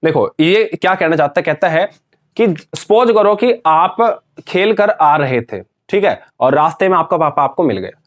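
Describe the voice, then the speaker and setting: A man's voice: fairly high pitch, expressive, moderate pace. A man giving a grammar lecture to students, repeating key points and calling them dear children. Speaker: grammar teacher. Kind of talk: classroom lecture.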